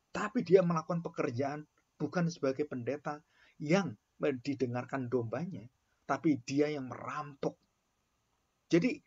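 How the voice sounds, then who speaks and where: A man's voice: medium pitch, darkish tone, breathy edge, muffled recording. A man lecturing theology students in an emphatic, sermon-like way, repeating his key phrases for weight.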